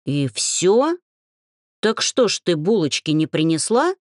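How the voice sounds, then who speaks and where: A woman's voice: medium pitch, very animated, measured pace, no echo, clean studio sound, voice pushed up. A woman voicing a short, cocky half-gnome young man who bickers and lectures his friends in a storybook reading. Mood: teasing.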